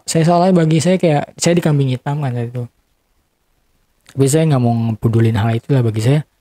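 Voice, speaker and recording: A young man in an interview telling an emotional personal story, halting and often repeating or restarting his words. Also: mid-range voice, dark tone, dry recording.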